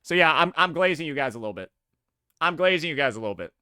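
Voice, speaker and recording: Brief: male livestreamer, casual slangy rants, bright forceful higher voice, dry mic. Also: quick pace, smooth, no room sound. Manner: animated, slangy, swears often, says "bro" a lot. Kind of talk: casual stream commentary.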